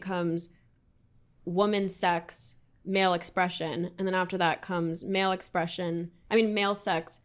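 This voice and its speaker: A young woman argues her point in a relaxed debate, her voice at a middling pitch. She talks fast, laughs easily and swears when she gets riled. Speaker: guest debating. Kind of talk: casual debate chat.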